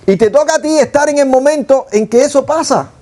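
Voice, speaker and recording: A man's voice: extremely high pitch, fairly quick, warm tone. A middle-aged man with a Cuban accent preaching a sermon, telling stories and asking rhetorical questions. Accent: Cuban Spanish.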